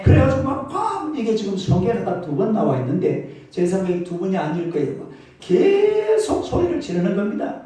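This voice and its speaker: A high-pitched man preaches at a moderate pace, barely pausing, in a church sanctuary. His sermon is full of animated storytelling and calls for the congregation to answer, captured distantly in an echoey hall.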